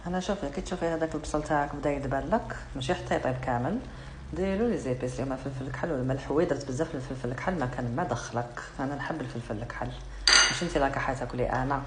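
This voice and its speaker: Sassy low-voiced Algerian woman cooking. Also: racing, a little hiss or hum. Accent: Algerian Arabic. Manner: chatty and sassy, teasing the viewer, slips into French. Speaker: cooking vlogger. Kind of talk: casual cooking demonstration. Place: home kitchen with food frying. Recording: echoey kitchen, loud sizzling pan.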